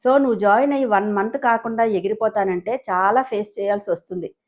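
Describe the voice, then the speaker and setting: A woman's voice: medium pitch, a little fast, lightly acted. In this audio storybook, a cocky young husband playing boss teases and hams it up, read by a woman. He talks in a mock-dramatic way. The recording sounds a little dull and muffled. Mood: teasing.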